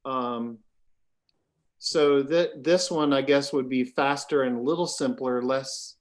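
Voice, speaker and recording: A man's voice: mid-range voice, fairly even intonation, slow. A man co-hosting a casual chat over a video call, rambling and hesitant with many fillers. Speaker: co-host.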